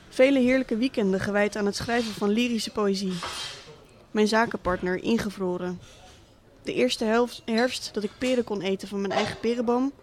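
A woman reading a literary monologue as a cynical, wealthy absent father, speaking in a dry, deliberate, sardonic way. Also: fairly high pitch, natural voice. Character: cynical rich middle-aged father, absent tycoon.

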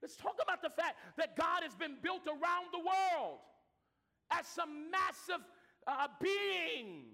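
A man with a very high, bright, ringing voice preaches a sermon to a church. He rises into shouted declarations and then drops into low, quiet asides. His voice carries a long reverb from the sanctuary around him. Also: animated, slow pace, gravelly.

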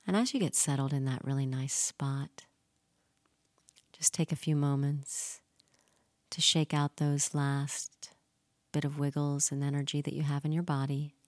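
Slow, low-voiced woman guiding hypnosis. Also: steady tone, dry recording, studio quality. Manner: slow, soothing, gently repetitive. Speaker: guided relaxation leader. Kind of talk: guided hypnosis meditation.

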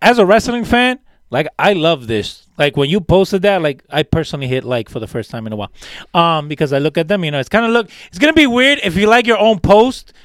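A man's voice: high-pitched, lively intonation, a little fast, hardly any pauses, a bit bright, dry recording, clean studio sound. A man co-hosting a casual wrestling chat, talking enthusiastically in long rambling turns full of restarts. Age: older than co-hosts. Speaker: podcast co-host.

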